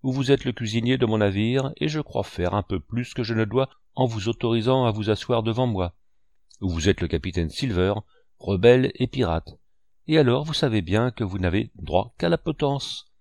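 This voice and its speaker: A stern, curt ship's captain, played by a male narrator, issuing commands in clipped phrases. The voice sits higher than the reader's own and moves lively. The recording is dry. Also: moderate pace, dry recording.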